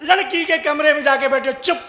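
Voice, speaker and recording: A man's voice: very high voice, moderate pace, sharp tone. A man, a comic poet, telling jokes on stage and acting out drunks and stammerers. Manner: acts out drunk and stammering characters. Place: stage in a large hall with audience. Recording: echoey hall from far off.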